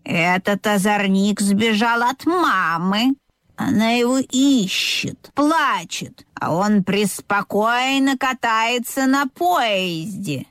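A woman voicing a stern grown-up male cat in a children's story, scolding slowly and firmly. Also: mid-range voice, lively intonation, fairly bright tone, dry recording, studio quality. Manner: strict, scolding, slow and firm.

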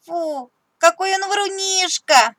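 A woman voicing a little boy mouse who fibs and boasts, squeaky and childish, in a storybook reading. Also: expressive, takes it slowly, bright, forceful tone, dry recording, studio quality, exaggerated voice. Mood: giggly.

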